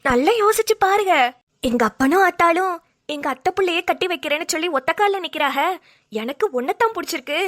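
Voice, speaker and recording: High tearful woman voicing a cartoon. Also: expressive, fairly quick, a bit bright. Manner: tearful, pleading, rural dialect. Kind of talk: melodramatic cartoon voice acting.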